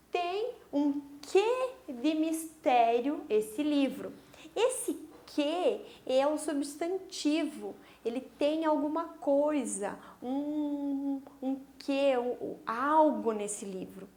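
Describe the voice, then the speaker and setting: A woman teacher giving a recorded online grammar lesson to young pupils, explaining step by step and checking in with short tag questions. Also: sits high. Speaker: primary school teacher.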